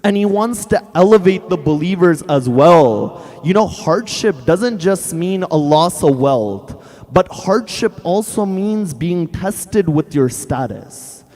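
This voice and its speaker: Male preacher in a big hall. His voice is high and slow, earnest and measured, with long reverb. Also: lively intonation, a little mellow. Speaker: Islamic preacher. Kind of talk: devotional sermon.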